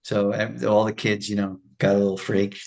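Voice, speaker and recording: Man, older, lowish voice, animated storyteller, casual class talk. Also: moderate pace, gravelly, rough recording. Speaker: lecturer leading a spiritual class. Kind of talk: casual storytelling after a lecture.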